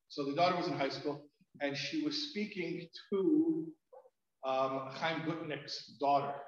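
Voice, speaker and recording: Animated rabbi telling stories in an echoey hall. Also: male voice, fairly high pitch. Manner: animated, chatty, many fillers and restarts. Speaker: rabbi, storyteller. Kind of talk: storytelling talk at a community event. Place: community event hall. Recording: very echoey, dull event hall sound.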